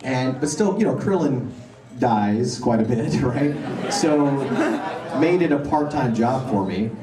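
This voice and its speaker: A man answering fan questions at a convention panel, telling animated anecdotes and acting out the voices of people in his stories. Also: medium pitch, unhurried, background noise. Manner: animated anecdotal storytelling, acts out quoted voices. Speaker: convention panel guest voice actor. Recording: roomy hall, recorded from far off.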